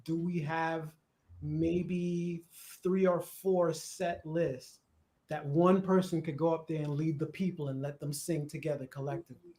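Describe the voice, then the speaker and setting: A man with a Jamaican accent hosting a live church discussion, chatty and animated, laughing at times as he explains. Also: fairly high pitch, unhurried. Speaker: host. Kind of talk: casual discussion on church worship. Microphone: live stream.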